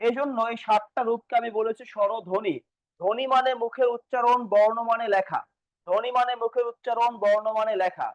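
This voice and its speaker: A man's voice: very high-pitched, fairly quick, dry recording, lo-fi sound. A man teaching an exam-prep grammar lesson, repeating key points and asking questions he then answers himself. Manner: repetitive, quizzing students and answering himself.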